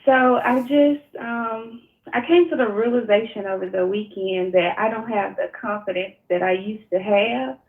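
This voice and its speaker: Female caller, Mississippi accent, halting and unscripted, mid-range voice, thin narrow phone audio. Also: medium pitch. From Mississippi, United States. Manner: hesitant, searching for words. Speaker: call-in coaching client. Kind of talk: personal, unscripted phone conversation. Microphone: phone call. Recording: tinny narrow-band phone line.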